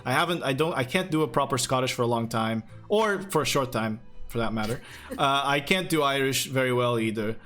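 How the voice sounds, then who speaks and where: Faint background music accompanies a young man's fairly quick, fairly bright mid-range voice. As game master and stream host, he chats casually, answers chat questions, and rambles with frequent fillers and restarts.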